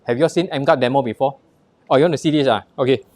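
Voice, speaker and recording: A man's voice: mid-range voice, rapid-fire, darkish tone, no room sound. Singaporean-accented man giving a punchy sales demo. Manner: instructive, short punchy phrases with rhetorical questions. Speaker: product demonstrator, sales presenter. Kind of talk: live sales demonstration talk with anecdotes.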